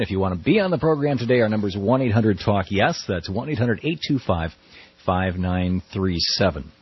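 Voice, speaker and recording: A man's voice: fairly low pitch, breathy edge, no room sound. An American man hosting a live talk radio show in a conversational, explanatory way. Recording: dull lo-fi radio recording.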